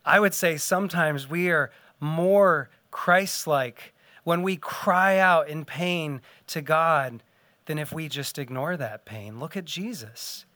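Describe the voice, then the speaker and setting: A man preaching a sermon, earnest and unhurried, pausing to let points sink in and dropping softly on tender words. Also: fairly high pitch, dry recording, studio quality. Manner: earnest, unhurried teaching with pauses and soft drops. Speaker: pastor.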